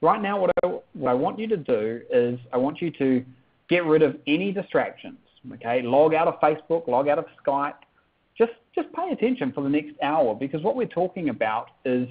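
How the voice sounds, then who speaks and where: Big pitch swings mark this mid-range, slightly rough voice, which moves a little fast. He's a webinar presenter in his thirties with a New Zealand accent, upbeat and constantly prompting chat replies, tagging his lines with "okay?", all over tinny, phone-like audio.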